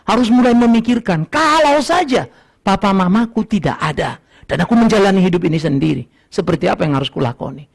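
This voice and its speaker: An older man preaches. His voice sits high and gravelly. He swings from sharp loud bursts to low, quiet asides and often breaks into laughter. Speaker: pastor. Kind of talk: sermon. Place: church hall.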